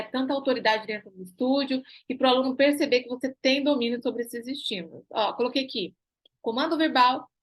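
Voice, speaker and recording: A woman's voice: high-pitched, low-quality recording. A woman giving an online class, emphatic and repeating key phrases, asking her students rhetorical questions. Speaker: pilates teacher and business mentor.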